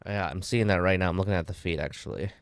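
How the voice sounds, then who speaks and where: A man's voice: deep voice, quick pace, dry recording, studio quality. A man co-hosting a live podcast, eagerly laying out questions for a guest. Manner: upbeat, eager interviewer. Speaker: podcast co-host. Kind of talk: casual live-stream chat.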